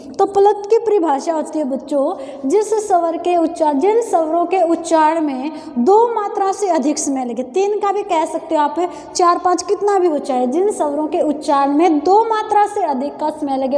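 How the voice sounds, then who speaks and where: A woman teacher with a Haryanvi Hindi accent giving an exam-prep grammar lesson, calling her students children and repeating key terms slowly. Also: very high voice, lively intonation, mellow. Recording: echoey room with long reverb.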